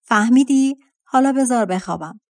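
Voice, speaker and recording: A woman voicing a giant male vulture in a fairy-tale audiobook, loud and fierce in his demands. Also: a little high, expressive, pitched above the performer's own voice. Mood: scolding.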